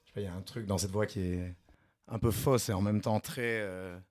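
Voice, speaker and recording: A man co-hosting a casual music chat, speaking softly and searching for his words. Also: lowish voice, steady tone, fairly quick. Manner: soft-spoken, searching for words. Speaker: podcast co-host.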